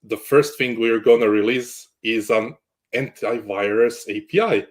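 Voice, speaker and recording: A man's voice: medium pitch, measured pace. A man from Croatia, a guest in a casual interview chat, good-humored and jokey, often restarting his sentences. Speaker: guest, cloud architect.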